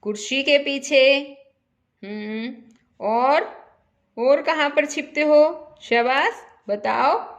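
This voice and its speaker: A woman's voice: high voice, drawn-out words, muffled recording. A woman teaching a primary-school lesson to children, patiently repeating examples and putting questions to her young pupils.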